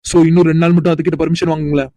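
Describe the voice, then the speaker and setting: Man voicing an eager young city guy, coaxing, fast, slightly high, dry sound. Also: flat delivery, mellow, no echo, lightly acted. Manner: coaxing, persuasive. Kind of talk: cartoon voice acting.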